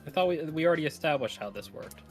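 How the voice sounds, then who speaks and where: A man joking around as a tabletop game player on a voice call, stammering when excited. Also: fairly high pitch, fast talker, faint music behind. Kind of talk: casual chat on a voice call.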